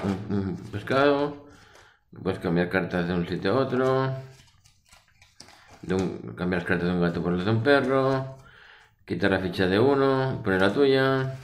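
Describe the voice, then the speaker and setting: Guy from spain accent, deep voice, rambly casual board game rules chat, echoey room. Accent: Spain Spanish. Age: middle-aged. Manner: rambling, colloquial. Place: small room indoors. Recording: roomy echo.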